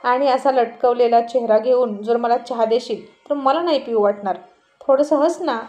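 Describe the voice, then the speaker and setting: A woman doing a playful young husband in a spoken storybook, teasing and coaxing in a mellow, fairly high voice. The tone stays warm and close to the reader's own. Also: normal speed, lightly acted.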